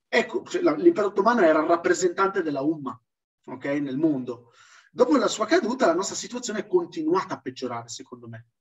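A man giving an informal online lecture in an explanatory, emphatic way, like a teacher who keeps checking that listeners follow. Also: sits high. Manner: didactic, emphatic, often checking with "ok?". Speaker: lecturer in a religious history seminar. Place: live online seminar with chat. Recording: dull distant lo-fi microphone.

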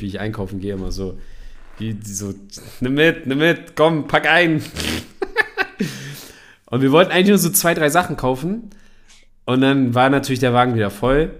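A man in his thirties hosting a podcast in casual chat, animated and slangy, laughing often as he tells stories. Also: medium pitch. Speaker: podcast host.

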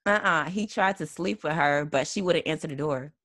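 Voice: mid-range voice, normal speed, bright, forceful tone, dry recording. A young adult podcast host who talks in an upbeat, giggly, conversational way while running the interview. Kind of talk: casual interview chat.

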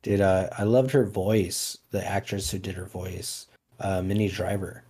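A man's voice: low voice, level tone, unhurried, warm tone, slightly rough. A young man co-hosting a movie podcast, easygoing and joking, swearing casually. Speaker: podcast co-host. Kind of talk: casual chat.

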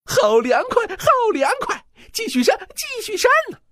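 A woman's voice: very high voice, very animated, a little slow, a bit bright, no echo, studio quality, heavily acted. A woman voicing a cocky, mischievous male monkey king in a children's storybook, boastful and teasing.

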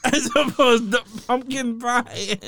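A podcast co-host in casual sports chat, talking haltingly and pausing to search for words while giving blunt food opinions. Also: mid-range voice, pushed and bright, no echo. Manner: defends unusual food picks with blunt opinions.

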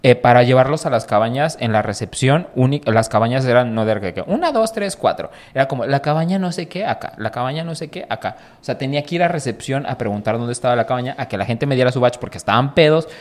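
A young man with a Mexican Spanish accent, co-hosting a podcast and telling a long story in an animated, swearing, casual way. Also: mid-range voice, fast, few pauses. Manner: animated, swears a lot, acts out voices in his stories. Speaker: podcast co-host.

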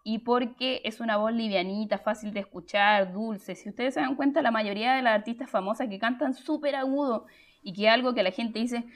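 A woman's voice: on the high side, a little fast. A young woman hosts a live stream, explaining her points chattily and answering the chat, with frequent fillers and restarts.

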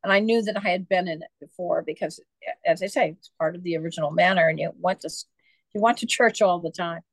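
A woman's voice: fairly low pitch, fast talker, no echo. Chatty woman author telling stories. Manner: chatty, digressive, many fillers. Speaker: author guest. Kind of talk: casual storytelling interview.

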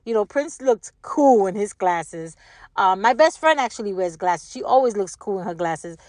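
An older woman talks in a loose, rambling, conversational way, as a solo commentator. Her pitch sits in the middle for a woman, and she repeats phrases to drive them home. The sound is dry, with no room echo. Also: animated, moderate pace, a little mellow. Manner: repeats words and phrases for emphasis; conversational, checks in with rhetorical questions. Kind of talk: casual rambling chat.

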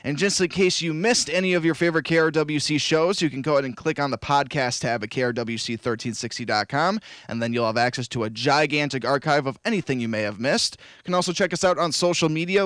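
A young man hosts a local radio call-in show from a studio, chatting and rambling with plenty of fillers and reading out ads. His voice is a little high and fairly bright, and he talks fast; the recording is dry and studio quality, made on a studio microphone.

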